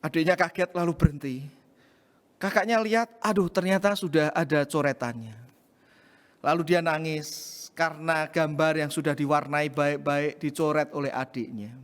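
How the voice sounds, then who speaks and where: A man's voice: a little high, normal speed, big-room sound. A male pastor preaching a sermon, telling a personal story and often addressing the congregation as brothers and sisters. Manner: addresses congregation as "saudara-saudara", lively anecdotal telling. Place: church.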